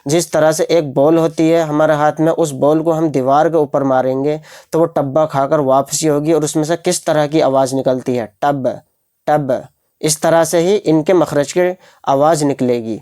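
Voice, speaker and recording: A man teaching a Quran reading lesson, who explains quickly and drills syllables slowly. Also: a little high, a little mellow. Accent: Pakistani Urdu.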